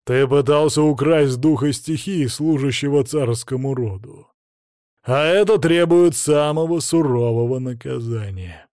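A man voicing a stern, cold tsar in an audiobook, speaking in a slow, icy, commanding way. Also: fairly high pitch, lively intonation, a little mellow, no echo, studio quality. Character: stern cold tsar, father threatening harsh punishment. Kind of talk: audiobook character acting.

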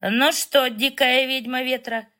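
Brief: condescending dragon lord of a fantasy story, read by a woman, slow and smug. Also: sits high, steady tone, pushed and bright, voice pushed up. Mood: mocking. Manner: mocking, self-assured. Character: arrogant male shadow dragon lord.

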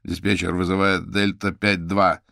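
A man's voice: low-pitched, level tone, moderate pace, vocal fry, a bit bright, no echo, studio quality. A man voicing an urgent adult police officer speaking in clipped phrases.

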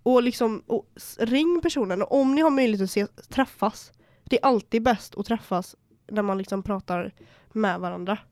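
This young woman co-hosts a podcast and chats casually, talking a lot, swearing freely, and acting out quarrels that build into sudden outbursts. Her mid-range voice has a darkish tone with few pauses, recorded with studio quality and no echo.

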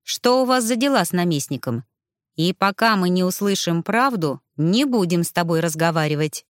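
A woman's voice: on the low side, expressive, normal speed, no echo, studio quality, close to an everyday voice. A woman reading aloud voicing a strict, blunt young woman friend.

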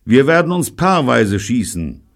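An audiobook narrator voicing a hot-headed boy who shouts high and harsh. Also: big pitch swings, unhurried. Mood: steely.

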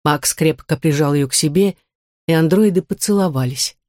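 A woman's voice: low-pitched, normal speed, a little mellow, no echo, clean studio sound. A woman reading a children's adventure story aloud as narrator, steadily, acting out the dialogue. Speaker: audiobook narrator. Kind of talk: scripted narration.

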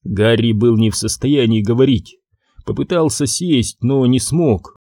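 A man narrating a novel in a measured, even storytelling voice. His tone is dark and mellow, sitting at a middle pitch. The recording is dry and close, with no room sound. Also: no echo. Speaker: audiobook narrator. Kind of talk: scripted narration.

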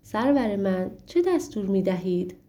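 A servile male genie of the ring from a storybook tale, formal and obedient, voiced plainly by a woman reading the story. The sound is mellow and warm. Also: medium pitch, sing-song, lightly acted.

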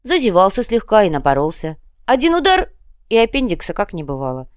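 A woman reading a fantasy audiobook, voicing a lively, gossipy young woman telling a tall tale. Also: medium pitch, a little fast, clear, resonant tone, no room sound, clean studio sound, voice pushed up. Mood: teasing.

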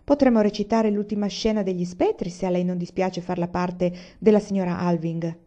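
A woman's voice: fairly low pitch, fairly quick, mellow, lightly acted. A woman reading the part of a down-and-out male tragic actor, humble and theatrical, in a lo-fi recording.

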